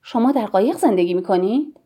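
A woman's voice: mid-range voice, animated, warm tone, close to an everyday voice. A woman reading the lines of a scornful, jealous middle-aged man in an audiobook, asking condescending questions. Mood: sneering.

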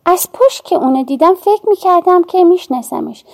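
A woman narrating an audiobook in a measured storytelling manner with soft, hushed dips. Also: extremely high pitch, lively intonation.

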